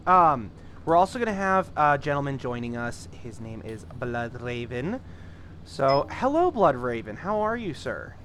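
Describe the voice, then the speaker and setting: A man's voice: medium pitch, big pitch swings, measured pace, a bit bright, a little hiss or hum. Chatty man hosting a gameplay video. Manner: rambling, chatty. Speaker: let's-play host. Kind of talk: casual gameplay commentary.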